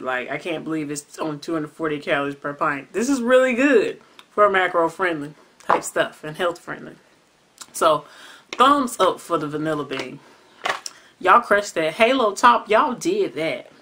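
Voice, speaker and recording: Casual Southern woman vlogger, lowish voice, slangy and excitable, self-recorded taste test. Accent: Southern American. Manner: chatty and slangy, building to excited exclamations.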